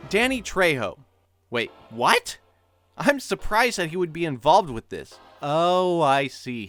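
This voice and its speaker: A man's voice: fairly high pitch, a bit bright. A man delivering a sarcastic, critical opinion commentary for his video channel.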